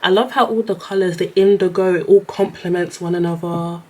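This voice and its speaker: A woman's voice: fairly low pitch, steady tone, a little fast, darkish tone, a little hiss or hum, low-quality recording. A young woman with a lisp with whistling s sounds, chatting casually and emphatically as she reviews a product in a vlog. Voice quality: lisp with whistling s from dental aligners. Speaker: vlogger reviewing trainers.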